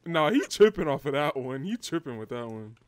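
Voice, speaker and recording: A young man hosting a casual gaming video, excitable and quick to laugh, with loud outbursts. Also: a little high, clean tone, no room sound.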